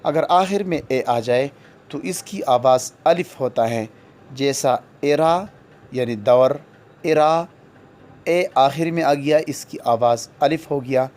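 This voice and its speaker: A man teaching a lesson on vowel sounds, speaking slowly and repeating each example word, then spelling it out. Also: mid-range voice, a little mellow. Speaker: English teacher.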